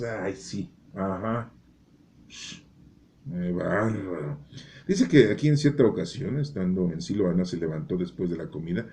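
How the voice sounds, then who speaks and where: With a fairly low voice and a dark tone, a male Bible teacher goes over a chapter of the Bible. His style is folksy and joking, and he keeps adding a rhetorical "¿no?" to his remarks.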